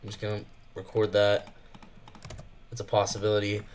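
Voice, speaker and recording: A nervous young man giving fast live commentary while trading, thinking out loud and rushing his words. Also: fairly low pitch, monotone, a little hiss or hum. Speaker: day trader streaming live.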